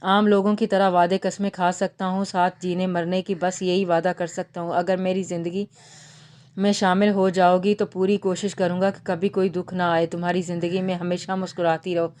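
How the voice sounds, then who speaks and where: An earnest young suitor, concerned and tender, speaks in a low, level, smooth voice, as a woman narrator reads his lines. He is a gentle, steady figure from a romance novel read aloud. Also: close to an everyday voice. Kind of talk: audiobook novel reading.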